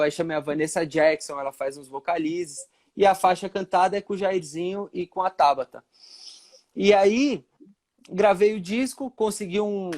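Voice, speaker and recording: A man from São Paulo state with a Paulista accent, telling stories casually in a live interview and acting out the dialogue he quotes. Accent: Paulista Portuguese. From São Paulo state, Brazil. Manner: animated, acts out quoted dialogue with pitch jumps. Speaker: percussionist guest.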